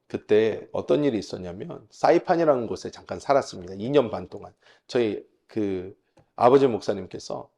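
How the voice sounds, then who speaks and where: A male pastor preaching a sermon, emphatic, swinging between loud and soft delivery. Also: mid-range voice, gravelly.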